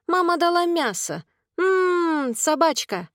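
A woman's voice: takes it slowly, no echo, studio quality, full character voice. A yapping little boy pretending to be a dog, as a woman reader puts him on. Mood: insistent. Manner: high, excited, yapping. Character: small boy playing at being a dog.

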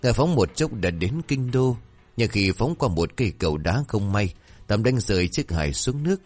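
A man narrating a folk tale in a steady storytelling manner. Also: fairly low pitch, moderate pace, faint music behind.

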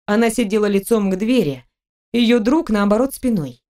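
A woman reading an audiobook aloud. Her delivery is even and expressive, in a mid-range voice. She paces the story steadily. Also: medium pitch, normal speed. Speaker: audiobook narrator. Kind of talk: scripted narration.

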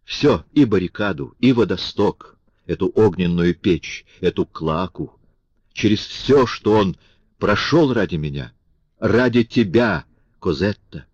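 A man's voice: lowish voice, lively intonation, measured pace, slightly rough, dry recording. A man reading an audiobook, voicing a passionate, grateful young man in a raised, exclaiming voice. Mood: fervent. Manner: impassioned, exclaiming, pleading. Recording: dull lo-fi audiobook recording.

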